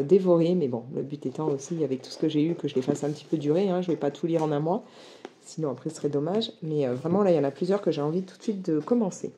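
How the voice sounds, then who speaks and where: A woman's voice: low-pitched, mellow, slight background noise. A woman in her thirties, a book vlogger chatting casually and eagerly through her latest books, with many fillers. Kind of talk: casual book haul chat.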